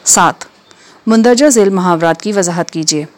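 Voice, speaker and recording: A woman reading a textbook drama aloud in a measured way, with its stage directions and exercise questions. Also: on the low side. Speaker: teacher reading a textbook lesson.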